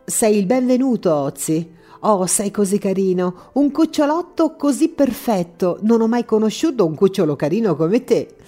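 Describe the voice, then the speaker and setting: A woman voicing an effusive female psychiatrist who gushes over a puppy, cooing in a high voice. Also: big pitch swings, moderate pace, warm tone, soft background music. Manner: gushing, high-pitched cooing.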